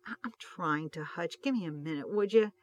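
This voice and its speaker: Reader doing a male cop, impulsive, worried, loud and pleading, storybook reading. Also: medium pitch, normal speed, close to an everyday voice. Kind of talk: audiobook reading of fan fiction.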